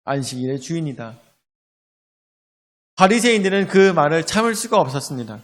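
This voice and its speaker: A man's voice: a little high, very animated, a little fast, big-room sound. A male pastor preaching a sermon, telling the story vividly and acting out the voices of a crowd.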